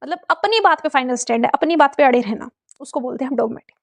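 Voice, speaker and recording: A woman teacher with a high voice explains terms for an exam. She speaks with an Indian English accent, mixing Hindi and English. She reads her example sentences slowly and often checks whether her students follow. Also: expressive. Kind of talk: exam-prep lesson.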